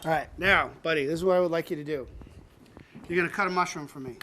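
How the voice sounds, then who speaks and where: A man's voice: fairly high pitch, fast, bright, forceful tone, a little hiss or hum. A man hosting a cooking show, teaching a child with playful jokes and frequent laughs. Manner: joking, laughs often, talks to a child as "buddy". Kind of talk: teaching kids to cook, playful banter.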